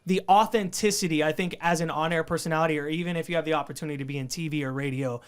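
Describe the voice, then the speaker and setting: A man's voice: fairly high pitch, steady tone, rapid-fire, smooth. A man from the Bay Area who works as a radio personality, talking in a rambling, easygoing and self-mocking way on a podcast. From San Francisco Bay Area. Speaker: radio co-host. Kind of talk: casual podcast chat.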